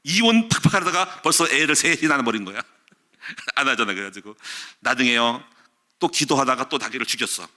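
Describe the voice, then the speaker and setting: Animated, bright-voiced male pastor preaching. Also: mid-range voice, fairly quick. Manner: animated storytelling, acting out quoted shouts. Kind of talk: sermon.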